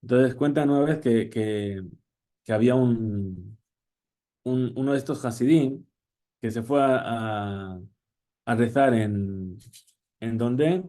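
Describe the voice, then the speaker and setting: A man's voice: mid-range voice, takes it slowly, pauses often, dark tone. Man, rabbi, Torah class, teaching questions, Hebrew quotes, hesitant restarts.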